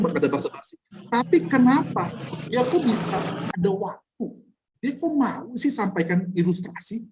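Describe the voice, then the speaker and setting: A man's voice: high-pitched, a little mellow, slight background noise. A man who is a pastor teaching a casual Bible study, blunt and full of rhetorical questions to his listeners. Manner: chuckles between points. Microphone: online class recording.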